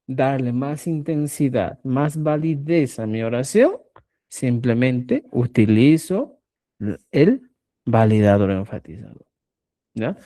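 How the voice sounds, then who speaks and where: Slow, lively-voiced language teacher. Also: male voice, mid-range voice. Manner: explains slowly, checks in with "¿ya?" after nearly every phrase; addresses students as "estimados amigos". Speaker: Quechua writing teacher. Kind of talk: online grammar lesson.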